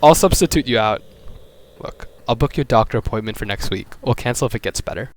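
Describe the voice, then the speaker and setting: A woman voicing a worried, impatient middle-aged father in a homemade animated drama, dropping her voice low. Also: a little fast, no room sound. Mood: fussy. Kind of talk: amateur machinima voice acting.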